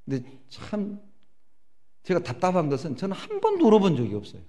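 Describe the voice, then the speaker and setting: Animated middle-aged Korean pastor preaching. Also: male voice, high voice, fairly quick. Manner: animated storytelling, acting out prayers and voices. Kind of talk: sermon.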